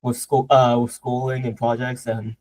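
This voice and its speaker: A man's voice: medium pitch, flat delivery, normal speed, darkish tone, no room sound, rough recording. A young man from Southern Vietnam, answering interview questions casually, with a lot of hesitation, fillers and restarts. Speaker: guest martial artist.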